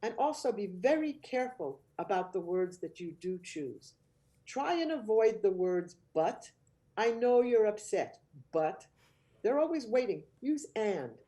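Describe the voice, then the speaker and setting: A woman giving advice on supporting children in child care, explaining in a calm, earnest way and modeling gentle phrases to say. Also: medium pitch, measured pace. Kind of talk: instructional webcast talk.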